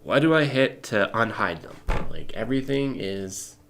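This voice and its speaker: A man with a gravelly, creaky voice talks through a live stream of his 3D project. He is plainly tired from too little sleep and keeps muttering in frustration, half to himself and half to the people watching. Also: on the low side, expressive, moderate pace, fairly bright tone, a little hiss or hum. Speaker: live streamer doing 3D work. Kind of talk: casual live-stream commentary while working.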